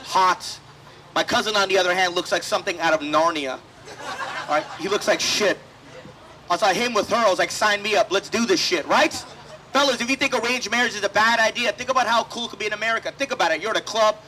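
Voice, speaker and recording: A male stand-up comedian talks to the audience from an outdoor festival stage in a loose, profane, conversational way. His voice sits high and sounds bright and ringing. Faint crowd noise hangs behind him. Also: quick pace, low-quality recording.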